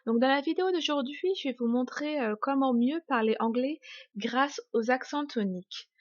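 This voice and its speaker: A woman teaching an online lesson, chatty and full of fillers and restarts, slowly exaggerating the stress on example words. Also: sits high, dry recording, dull audio. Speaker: English teacher. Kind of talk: YouTube pronunciation lesson.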